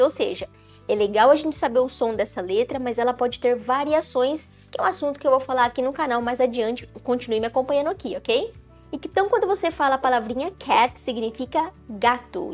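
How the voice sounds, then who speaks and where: A woman's voice: high-pitched, darkish tone. A woman teaching English pronunciation to viewers in an upbeat online lesson, often checking in with "ok?". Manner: upbeat, talks straight to viewer, repeats ok?.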